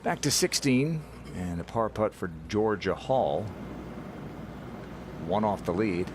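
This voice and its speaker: A man's voice: fairly low pitch, lively intonation, slow. A man giving play-by-play golf commentary for a television broadcast. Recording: loud outdoor course noise.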